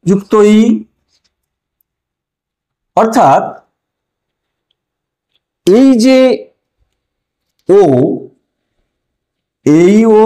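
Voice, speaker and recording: A man teaching a language lesson in a high voice that keeps rising and falling with emphasis. He puts questions to his viewers, answers them himself and leans on the key terms. His tone stays explanatory and friendly throughout. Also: mellow. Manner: asks questions then answers them, stressing key words.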